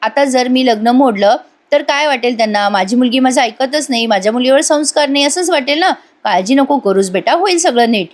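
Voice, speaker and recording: A woman voicing an older father who gently lectures his daughter, in a retold TV serial. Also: sits high, expressive, fairly quick. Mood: coaxing. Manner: coaxing, lecturing.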